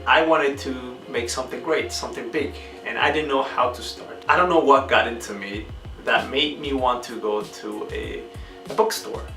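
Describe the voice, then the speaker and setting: Faint guitar music sounds in an echoey room as a young man from Peru, recorded on a distant mic, runs his book channel vlog. His mid-range voice is pushed and bright, and he answers questions one at a time earnestly and measuredly, now and then hunting for words.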